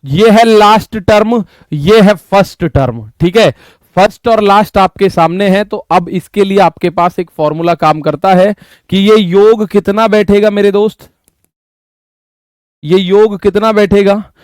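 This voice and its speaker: A man with a high, light voice teaches maths live, talking his students through each step and calling on them by name. The sound is dry and close, with no room echo. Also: measured pace. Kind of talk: live online class teaching.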